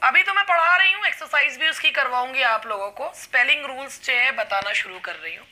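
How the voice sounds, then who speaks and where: A woman teaching an English spelling lesson, explaining slowly and drawing out her example words. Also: high voice, animated, pushed and bright. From India. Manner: slow, drawn-out explanations with stretched example words. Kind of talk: classroom lesson.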